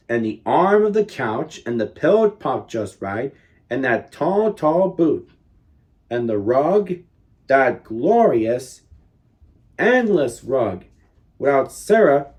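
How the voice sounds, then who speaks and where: A man in his thirties with a fairly high voice reads a children's picture book aloud expressively, leaning on key words with deliberate, dramatic emphasis.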